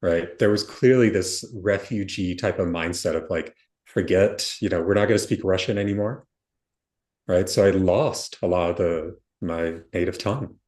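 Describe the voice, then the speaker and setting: A man's voice: sits low, normal speed, darkish tone. A man from Ukraine, a guest on a podcast, telling his story in an articulate, reflective way. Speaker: guest, software founder. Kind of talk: interview answers.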